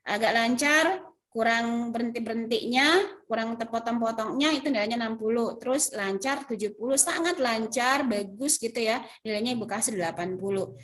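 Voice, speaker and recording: A woman's voice: on the high side, moderate pace, fairly bright tone. A woman English teacher patiently explaining an assignment and its grading step by step, with many fillers and self-corrections. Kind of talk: recorded online class explanation.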